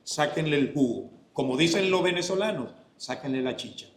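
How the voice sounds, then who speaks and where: A man from the Dominican Republic giving a formal welcome speech as an institute official, measured and exhortative. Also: fairly high pitch, expressive. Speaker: institute official opening a seminar. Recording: echoey lecture hall.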